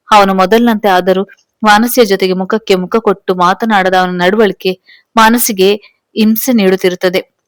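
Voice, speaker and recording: A woman storyteller reads a family drama in a steady, plain way. Her pitch is middle and her voice is dry and close. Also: no echo. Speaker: story narrator. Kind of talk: storybook narration.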